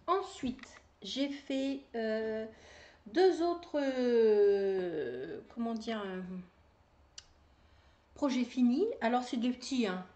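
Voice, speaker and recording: Woman knitting vlogger, casual, rambling, self-mocking, a touch high-pitched; roomy echo. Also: darkish tone. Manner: chatty, rambling, many fillers, laughs at herself. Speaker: knitting video podcaster. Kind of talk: casual chat to camera.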